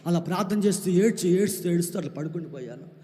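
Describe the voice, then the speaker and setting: A man's voice: high voice, fast talker, in a large hall. A man preaching a sermon as a pastor, telling a personal testimony and calling out questions to the congregation. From Andhra Pradesh, India. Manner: builds to shouted preaching.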